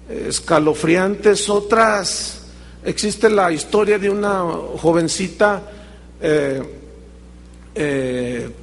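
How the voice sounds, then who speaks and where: A man with a high, slightly husky voice delivers a sermon as a pastor. His preaching is dramatic and storytelling-driven, and his voice rings out with a long reverb through a large hall.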